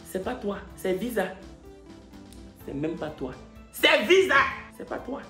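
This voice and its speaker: This high-voiced man from Côte d'Ivoire speaks with an Ivorian French accent, an unhurried comedian telling a story and animatedly acting out every part of the dialogue. The sound is reverberant, with soft music in the background.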